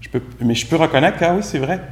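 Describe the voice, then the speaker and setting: Speaking quickly with lively intonation in a voice on the high side, a Quebec meditation teacher with a Quebec French accent gives a casual dharma talk packed with "tu sais" fillers. The room is echoey, with faint background noise.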